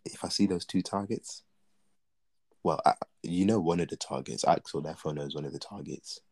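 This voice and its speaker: Very deep-voiced young Londoner, halting delivery. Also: male voice, a little mellow, a little hiss or hum. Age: young adult. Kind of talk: casual banter chat.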